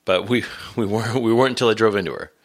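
A middle-aged man with a gravelly, congested voice from a cold, chatting casually and hesitantly as a podcast host. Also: on the low side, quick pace. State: has a cold.

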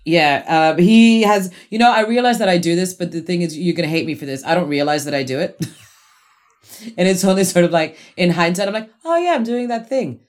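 A woman's voice: on the low side, brisk. A woman co-hosting a podcast, chatting informally in a playful, teasing way. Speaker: podcast co-host. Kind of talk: casual podcast chat and thanks.

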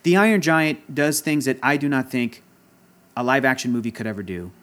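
A man's voice: medium pitch, a little fast, fairly bright tone. A man in casual chat as a podcast guest, talking in a passionate, rambling and emotional way. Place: Los Angeles area.

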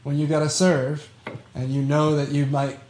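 Man, slightly high voice, halting podcast chat, echoey room. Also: little pitch movement, a little mellow, slight background noise. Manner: halting, hesitant. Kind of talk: casual chat. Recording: roomy echo.

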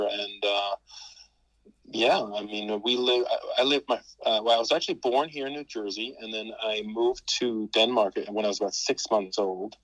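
A man in his fifties talks as a guest in a casual interview, with a lowish voice. He hesitates a lot and restarts his sentences. The recording is dry and close. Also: a bit bright, no echo, low-quality recording. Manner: hesitant, many fillers and restarts. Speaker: podcast guest.

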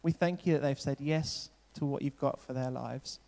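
In a large church hall with long reverb, a man leading the gathering chats loosely with two newcomers on stage before praying over them. His mid-range voice is creaky and dark-toned at a normal speed, and "brilliant" and "yeah" keep cropping up.

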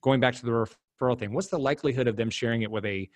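A man speaking as a podcast guest, emphatic and animated, his pitch jumping up when he drives a point home. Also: fast talker, no room sound. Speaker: guest, business development director. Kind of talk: casual podcast interview.

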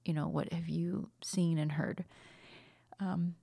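A woman's voice: lowish voice, fairly even intonation, slow pace, gravelly, warm tone, clean studio sound. A woman hosting a podcast solo, talking casually and explaining things informally in an echoey kitchen. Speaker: podcast host. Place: at a kitchen counter indoors. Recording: echoey untreated room.

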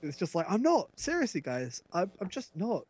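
Excitable British man, squeals like a fan, high voice, casual podcast banter. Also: normal speed, slight background noise. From Britain. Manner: gushing, excitable storyteller who squeals with delight. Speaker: podcast co-host. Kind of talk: casual gaming podcast chat.

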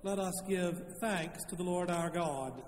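A man's voice: high-pitched, a little slow. A man leading a solemn liturgical prayer, his voice ringing with a cathedral echo. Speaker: pastor. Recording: long church reverb, faint ambience.

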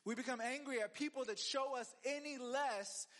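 A man preaching a sermon to young listeners, animated and acting out the lines he quotes. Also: very high-pitched, normal speed.

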